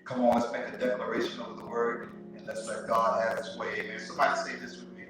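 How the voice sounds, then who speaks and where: A man's voice: medium pitch, monotone, fast, over music. A man from the southern United States preaching a sermon in a church, telling stories and leading call and response. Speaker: pastor. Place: church sanctuary. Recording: echoey church hall from far off.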